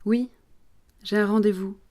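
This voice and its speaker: A woman's voice: medium pitch, steady tone, a little slow, warm tone, natural voice. A woman voicing an earnest, devout young peasant girl in a read-aloud play. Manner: earnest, pleading.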